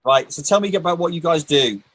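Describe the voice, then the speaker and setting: Man guest making quick apologetic asides. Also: on the high side, a bit bright. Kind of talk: casual live-stream chat.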